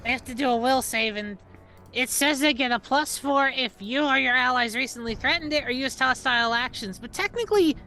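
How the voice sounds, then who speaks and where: A woman's voice: high voice, brisk, bright, forceful tone. A woman playing a tabletop game, chatty and playful. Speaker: player. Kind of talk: casual tabletop play.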